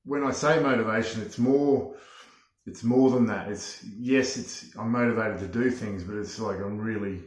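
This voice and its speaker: A man's voice: on the low side, normal speed. A man giving a casual, plain-spoken testimonial, feeling his way through his phrases a little hesitantly. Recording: echoey room.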